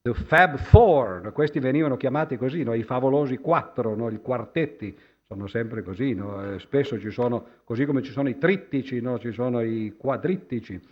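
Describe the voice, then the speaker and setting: A man's voice: mid-range voice, normal speed, dull audio. A man giving a public lecture with slides, speaking conversationally, hesitating with fillers and constantly ending his phrases with a questioning "no?". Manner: hesitant, with many fillers and restarts. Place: lecture hall before an audience.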